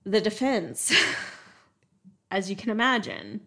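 A woman's voice: medium pitch, very animated, takes it slowly, a bit bright. A young woman chatting casually as a podcast co-host, filling her talk with "like" and "um". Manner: chatty, lots of "like" and "um" fillers. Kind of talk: casual true crime chat.

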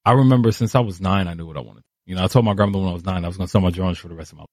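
Fast-talking New man telling stories. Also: sits low, no room sound. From New York City. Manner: animated, acts out quoted voices. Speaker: guest artist. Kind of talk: casual interview storytelling. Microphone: podcast studio mic.

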